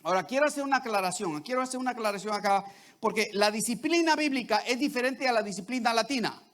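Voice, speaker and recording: A man with a very high-pitched voice preaching a sermon. He speaks in a conversational way, with frequent restarts, and keeps checking in with the congregation through short tag questions. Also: quick pace, fairly bright tone. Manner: repeats "¿verdad?" and "¿sí?" to the congregation, with many restarts.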